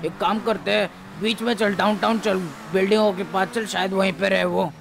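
Man playing a gravelly gruff criminal. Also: high-pitched, fairly even intonation, a little fast, a little hiss or hum.

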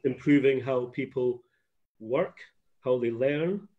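A man's voice: mid-range voice, slow. Chatty man on a muffled call. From Scotland. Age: middle-aged. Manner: chatty, rambling with restarts. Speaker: guest. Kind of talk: casual video call interview. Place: home office. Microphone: laptop webcam video call. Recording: muffled video call audio.

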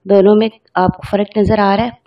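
A young woman teaching English pronunciation, saying each word slowly and repeating it with care. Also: mid-range voice, flat delivery, recorded from a distance, muffled recording. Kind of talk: slow, careful language lesson.

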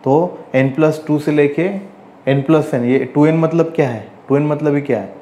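A man's voice: on the high side, a little slow, dark tone, slight background noise. A man teaching a maths lesson step by step, often asking rhetorical questions as he works through each line. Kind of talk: chalkboard maths lecture.

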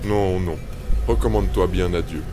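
A man's voice: deep voice, moderate pace, natural voice. An actor playing a cruel, cold-hearted nobleman husband in a storybook reading, speaking in curt, menacing commands. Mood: commanding. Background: music.

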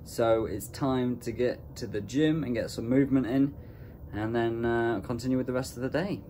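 A young man records himself on a phone at arm's length as he walks through a ship's interior. He explains his routine in a relaxed, conversational way, at an ordinary middle pitch. A clear layer of background noise runs under his voice. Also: normal speed. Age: young adult. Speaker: cruise ship deck officer vlogging his day. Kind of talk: casual vlog narration. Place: indoors on a ship, offices and mess rooms. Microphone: phone held at arm's length.

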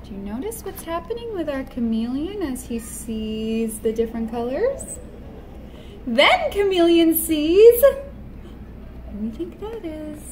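Taking it slowly, a high-voiced woman presents storytime at a children's museum, reading aloud and sharing tips with an animated, expressive manner suited to little ones. She's in an indoor room with a painted mural wall, where the sound echoes and background noise is easy to hear.

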